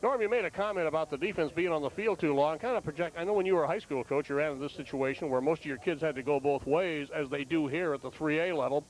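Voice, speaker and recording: A man working as a play-by-play broadcaster, giving live halftime football commentary in a measured, conversational, pausing way. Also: on the high side, a little hiss or hum, low-quality recording.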